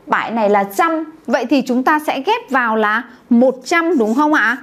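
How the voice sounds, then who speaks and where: A woman with a fairly high voice leads a beginners' language lesson. She checks in with the class through frequent questions and has them say each word back to her. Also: animated, moderate pace, fairly bright tone. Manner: calls on the class to repeat aloud, checks with questions. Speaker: Chinese teacher.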